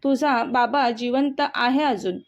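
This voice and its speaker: A woman voicing a protective middle-aged father who briskly urges his daughter to leave, in a storybook. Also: fairly high pitch, steady tone. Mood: urging. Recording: dull, muffled audio.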